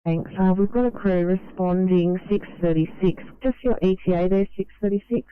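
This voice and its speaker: An emergency dispatcher on two-way radio, giving brisk, clipped call-sign updates to field crews. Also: mid-range voice, smooth. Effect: two-way radio transmission. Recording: tinny band-limited radio, dry.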